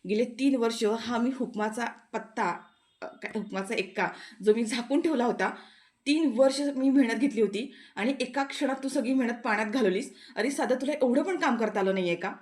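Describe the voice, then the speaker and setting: A woman voicing an angry, scheming young woman who shouts threats from jail, in a spoken recap of a TV serial. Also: on the high side, brisk, lightly acted. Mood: furious.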